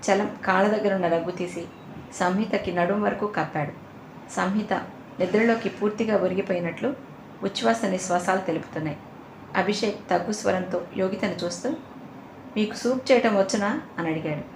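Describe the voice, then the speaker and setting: A woman's voice: mid-range voice, fairly even intonation, fairly quick, gravelly. A woman reading a novel aloud as a narrator, giving the characters' dialogue a slightly livelier lift in her own voice. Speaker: audiobook narrator. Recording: roomy echo, faint ambient noise.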